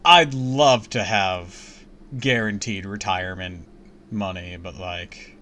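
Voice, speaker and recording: A man's voice: low voice, slow pace, sharp tone. A man streaming a story game, chatting casually in a joking, self-mocking way. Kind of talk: casual chat while reading a story game aloud.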